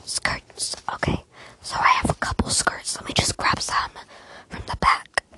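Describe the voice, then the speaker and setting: A woman's voice: slow, no room sound. A woman whispering as a friendly shop assistant. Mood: helpful. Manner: soft whispering with casual fillers. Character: friendly female clothing store salesperson. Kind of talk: whispered role-play.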